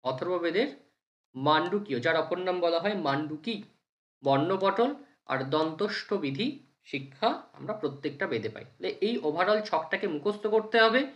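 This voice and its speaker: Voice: medium pitch, animated, moderate pace, fairly bright tone. A teacher leads an exam-prep lecture. The delivery is a rhythmic recitation of terms, with short rhetorical questions answered straight away. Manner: rhythmic listing, asks and answers own questions.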